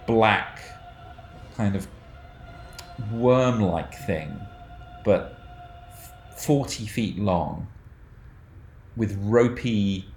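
A man narrates a tabletop horror game as game master, slowly and with a lowish voice. He describes scenes haltingly, with many fillers and restarts. The recording has a roomy, echoey sound. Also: darkish tone.

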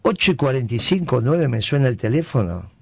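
A man with an Argentine Rioplatense accent hosting a radio talk show, telling stories in a lively, chatty way and often asking "¿viste?". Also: medium pitch, fairly quick, vocal fry, no room sound. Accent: Argentine Rioplatense Spanish. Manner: animated storyteller, repeats "¿viste?". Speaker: radio host. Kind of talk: casual radio conversation.

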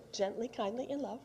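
A woman's voice: a little high, a little mellow, breathy edge. Woman preaching a casual sermon. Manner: conversational, asks the congregation direct questions. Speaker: pastor.

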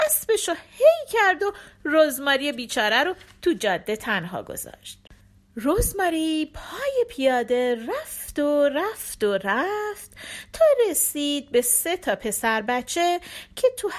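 A woman narrating a folk tale for listeners, expressive and acting out the characters. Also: sits high.

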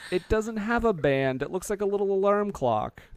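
A man hosts a podcast, casually recapping a movie, cracking jokes and acting out the characters' lines. His high-sitting voice is expressive and smooth at a moderate pace, recorded dry.

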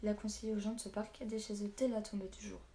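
A woman reading the part of a gruff, blunt middle-aged tavern keeper in a storybook. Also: medium pitch, level tone, very fast, warm tone, a little hiss or hum, lightly acted. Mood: stern. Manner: blunt, stern.

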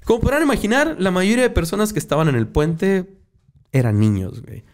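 A Mexican man tells a story in casual podcast chat. His pitch moves up and down a lot, and his talk is thick with slang and swearing. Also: lively intonation, a little fast, darkish tone. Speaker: podcast host telling a story.

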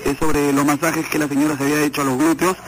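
A man's voice: a little high, flat delivery, quick pace, background noise, close to an everyday voice. A man with a Peruvian accent voicing a stern, pompous male municipal official on a prank call, with hesitant fillers. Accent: Peruvian Spanish.

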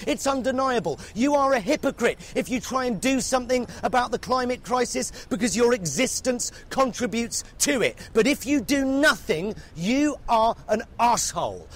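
A furious, foul-mouthed English reporter, played by a man tears into his targets in a comedic rant. The voice sits high and strains with sarcasm, breaking into shouts. A faint hum of noise lies under it. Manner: angry, sarcastic, swears heavily, shouts at times. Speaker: satirical reporter character.

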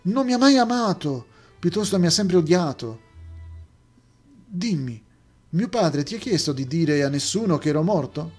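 A man voicing a bitter young woman who feels unloved by her father, in a high, emphatic put-on voice. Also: animated, normal speed, a little mellow, soft background music. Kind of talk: storybook voice acting.

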